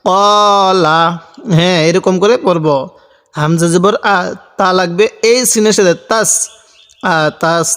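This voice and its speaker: A man's voice: sits high, a little slow, long pauses. A man teaching how to spell out and recite the Quran, explaining each rule methodically and repeating every syllable. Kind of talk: spelling-out Quran lesson with slow chanted recitation. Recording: long hall reverb.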